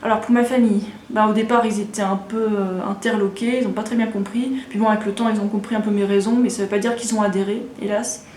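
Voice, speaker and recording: A woman's voice: mid-range voice, steady tone, fast talker, hardly any pauses, a little mellow, reverberant, slight background noise. A woman in her thirties from Alsace, chatting casually and frankly as a vlogger, rambling with lots of fillers and restarts. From Alsace, France. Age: 30s. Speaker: vlogger answering viewer questions. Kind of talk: casual chat.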